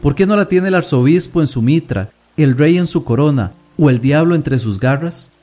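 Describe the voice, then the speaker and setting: A man's voice: on the high side, expressive, moderate pace, warm tone, faint music behind, lightly acted. A man reading as an anguished, devout young man. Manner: impassioned, anguished outbursts. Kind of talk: audiobook reading of a classic tale.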